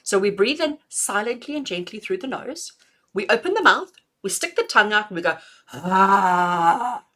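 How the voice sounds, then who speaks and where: A middle-aged woman, a spiritual healer, leading a live breathing lesson, switching between slow calm counting and animated, laughing explanation. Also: mid-range voice. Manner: animated, laughs often, counts slowly and calmly.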